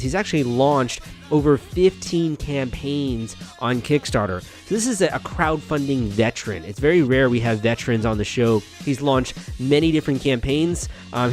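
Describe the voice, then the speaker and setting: Chatty young male podcast host. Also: mid-range voice. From United States. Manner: friendly, chatty, with frequent restarts. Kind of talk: casual podcast monologue.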